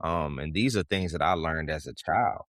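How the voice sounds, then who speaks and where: A man with a very low voice co-hosts a podcast in casual conversation. He tells stories in a measured, reflective way. The sound is close and dry, with no room around it. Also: fairly bright tone, dry recording. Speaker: podcast co-host.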